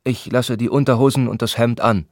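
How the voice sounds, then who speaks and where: A man's voice: mid-range voice, fairly even intonation, a little fast, no room sound, studio quality, natural voice. A man playing a stiff, reserved young patient. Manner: curt, reserved, formal.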